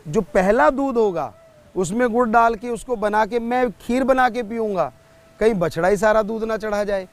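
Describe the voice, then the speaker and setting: A man telling a story voices a calm, smiling male saint who explains gently and patiently. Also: high-pitched.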